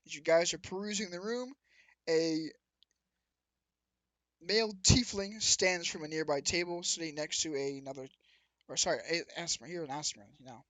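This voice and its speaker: A man runs a tabletop game as game master, narrating scenes in a fairly high voice. He rambles and corrects himself often. The recording is dry and close. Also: moderate pace, pauses often, a bit bright, dry recording.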